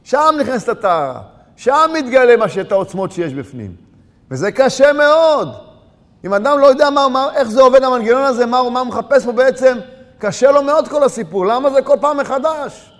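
A male preacher delivers a religious sermon, pressing rhetorical questions and repeating words for emphasis. His voice is high for a man. The recording carries a long hall reverb. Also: animated.

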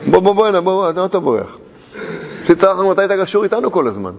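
A man putting on a taunting dark force, pushy. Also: high-pitched, sing-song, creaky, long reverb tail, full character voice. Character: taunting evil force, gang-like, possessive.

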